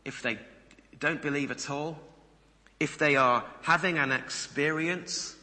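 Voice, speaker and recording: A preacher's voice, somewhat high and a bit slow, rings bright and forceful as he delivers a conversational sermon, posing questions to his listeners. He speaks before a congregation in a large room, and the recording carries the reverberant sound of the hall.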